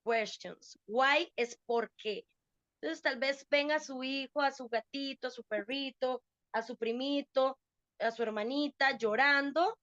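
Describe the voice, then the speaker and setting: A woman's voice: high voice, measured pace, fairly bright tone, no echo, dull audio. A woman teaching an online English class to adults, patiently explaining and checking understanding.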